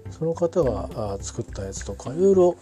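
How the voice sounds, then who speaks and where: A man's voice: fairly high pitch, very animated, moderate pace, over music. A man talking casually on his own, rambling with many fillers and self-corrections. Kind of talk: casual solo talk.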